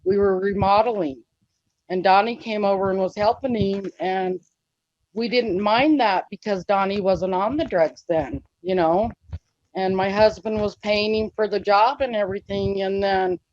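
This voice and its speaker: A woman's voice: medium pitch, fairly even intonation, a little slow, a little mellow, dry recording, highs cut off. A woman who is an interview guest, telling a personal story in an earnest, rambling way with many fillers. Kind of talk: conversational storytelling.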